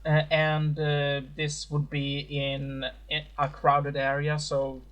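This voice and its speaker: A man narrating as game master in a casual tabletop session, speaking haltingly with many fillers and restarts. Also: on the high side, monotone, fairly bright tone, dull audio.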